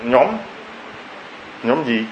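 A man's voice: mid-range voice, drawn-out words, highs cut off, background noise. A man preaching a homily, telling a story and firing off rhetorical questions to the congregation.

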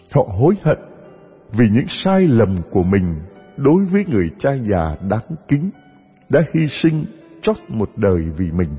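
A man tells a moral folk tale slowly and earnestly. His voice is fairly high and husky. The lo-fi recording carries a long reverb with faint music underneath. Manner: slow, earnest storytelling. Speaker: storyteller.

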